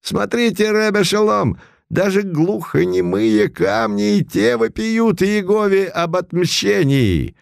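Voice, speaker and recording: A fanatical old accuser in an audiobook, solemn and then shrieking, put on by a man. The voice is pushed very high over a gravelly edge. It sounds dry and close to the mic. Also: slow, dry recording, exaggerated voice. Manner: solemn, shrill outbursts.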